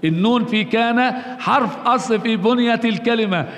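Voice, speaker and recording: A man teaching a grammar lesson, explaining slowly and repeating points, posing questions and answering them himself. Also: very high voice, fairly bright tone. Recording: long reverb, roomy hall.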